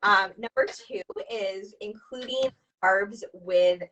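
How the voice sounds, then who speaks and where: Woman, nutrition coach, chatty and upbeat, mid-pitched voice, video call, a bit off-mic. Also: slow pace, a bit bright, recorded from a distance, dull audio, slight background noise. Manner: upbeat, chatty, asks listeners to respond. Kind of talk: conversational explainer, coaching advice.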